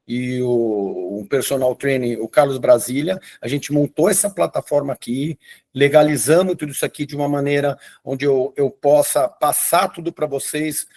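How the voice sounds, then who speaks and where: A man in his fifties teaching a live online fitness class, talking enthusiastically with frequent restarts. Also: medium pitch. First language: Portuguese. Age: 50s. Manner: enthusiastic, hesitant restarts, showing photos. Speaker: fitness coach.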